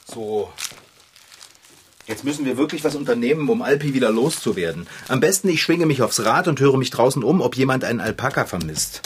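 A man's voice: medium pitch, animated, fairly quick, a little hiss or hum, close to an everyday voice. A man playing a whiny, easily flustered comic lead in a children's TV show. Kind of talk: children's TV comedy acting.

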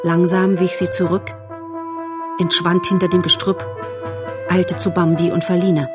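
A woman reading a storybook aloud as narrator, calm and measured. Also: on the low side, over music. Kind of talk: audiobook narration.

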